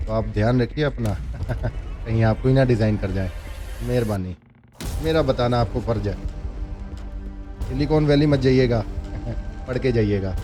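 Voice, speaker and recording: A man's voice: medium pitch, measured pace, pauses often, warm tone, faint music behind. A man hosting a casual commentary, who often chuckles, asks rhetorical questions and mixes English phrases into his talk. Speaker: host.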